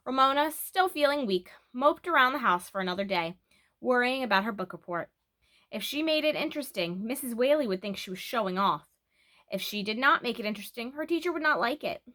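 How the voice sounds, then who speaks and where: A woman narrates a children's chapter book aloud, telling the story expressively. Her voice sits at a medium pitch.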